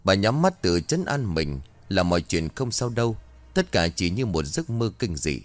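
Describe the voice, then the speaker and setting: A man's voice: deep voice, very animated, moderate pace. A man telling a scripted ghost story with a dramatic, varied delivery. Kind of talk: scripted horror narration.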